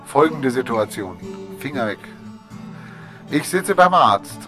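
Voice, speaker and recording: A man's voice: medium pitch, takes it slowly, soft background music. A man co-hosting a casual radio show, telling an anecdote with teasing asides to his partner. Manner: animated storyteller with teasing asides. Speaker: co-host.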